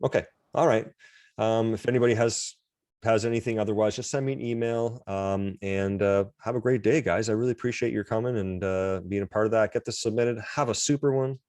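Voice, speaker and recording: A man's voice: lowish voice, fairly even intonation, fairly quick, darkish tone, dry recording, clean studio sound. A man teaching an online class, talking casually and self-deprecatingly with frequent restarts over a video call. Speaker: instructor.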